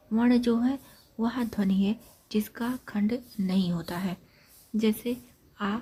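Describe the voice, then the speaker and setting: In a mellow, mid-range voice, a woman leads an exam-prep grammar lesson, explaining step by step and repeating key facts. Her syllables trail off into a breathy near-whisper.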